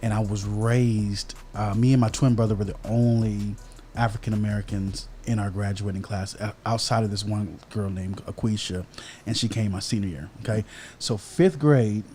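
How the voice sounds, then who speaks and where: A man's voice: on the low side, fairly even intonation, moderate pace, few pauses, dark tone. A young man from Kansas, a podcast guest, telling stories casually and checking in with "okay?" and "right?". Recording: faint background noise.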